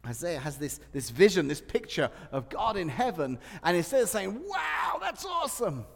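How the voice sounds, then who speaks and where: A middle-aged male pastor preaching a sermon, animated and storytelling with repetitions and humor. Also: a little high, moderate pace, creaky, in a large hall.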